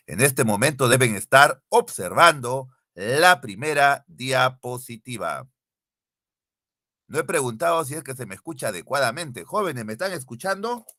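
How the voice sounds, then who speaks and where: A man teaches an online lesson over a computer mic, drilling definitions and firing exam-style questions at his students. His voice is bright and forward, with a pitch that rises and falls widely. The sound is dry and close, with no room echo. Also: animated, moderate pace. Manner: repeats key definitions, quizzes students directly. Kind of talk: online exam-prep class. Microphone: computer mic, screen sharing.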